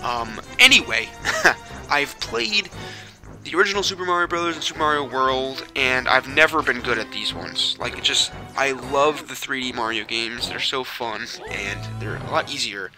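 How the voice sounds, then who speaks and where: A man with a mid-pitched voice, a little sick, talks through a video game in a loose, rambling, self-mocking way, swearing freely. He records on a mic fed into a capture card at his home setup. Game music plays clearly underneath. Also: normal speed. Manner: rambling, profane, self-deprecating. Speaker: let's play host. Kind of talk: casual gameplay commentary. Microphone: mic hooked into a capture card.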